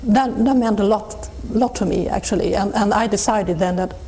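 A middle-aged woman from Sweden with a Swedish accent, speaking English as a guest in an interview, reflective and thoughtful, with frequent restarts and soft laughs. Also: medium pitch, normal speed, a little hiss or hum, poor audio. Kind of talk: reflective personal testimony.

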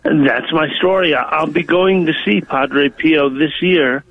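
Speaking at a measured pace in a slightly high voice, this radio caller recounts something from his own life over the phone. He stumbles through it with plenty of ums and pauses, and the telephone line gives everything a tinny quality.

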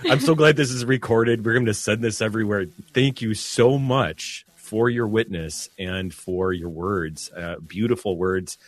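A man's voice: on the low side, measured pace, hardly any pauses. A man, a priest co-hosting a call-in radio show, speaking in an effusive, enthusiastic way.

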